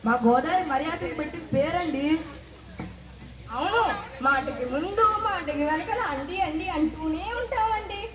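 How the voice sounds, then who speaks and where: A woman in a comedy skit, boastfully listing dishes with loud exclamations. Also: very high-pitched, normal speed. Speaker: skit performer. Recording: echoey, far from mic, loud crowd and noise.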